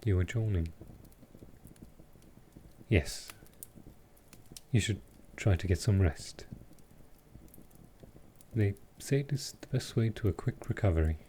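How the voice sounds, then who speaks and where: In this intimate roleplay audio, a man with a deep voice portrays a polite, gentle vampire who has lived for centuries. He is soft-spoken and reassuring, unhurried and calming, and there's slight background noise.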